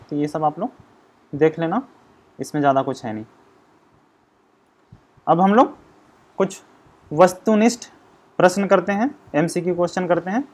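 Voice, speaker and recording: Man teaching, sounding out syllables. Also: high voice. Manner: sounds out syllables slowly, explanatory. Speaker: language teacher. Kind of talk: exam-prep grammar lesson.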